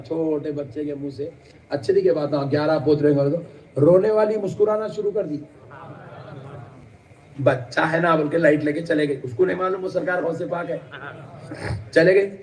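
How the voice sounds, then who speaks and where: Higher-voiced man preaching, distant mic. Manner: rhythmic repetition of phrases, rising to shouted emphasis. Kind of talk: religious sermon with storytelling.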